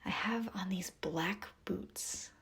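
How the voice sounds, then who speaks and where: Here a woman of medium pitch narrates a meditation visualization in a breathy whisper. She sounds soft and soothing, moving gently through the guidance with long pauses.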